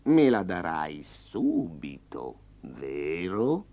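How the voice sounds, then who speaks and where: A sly, menacing storybook tiger, as a male narrator puts him on, his voice dropped deep and quiet into a slow purring growl. He draws out his words with gravelly menace. The recording is slightly dull and lo-fi. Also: huge pitch swings, full character voice. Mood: smug. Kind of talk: storybook reading.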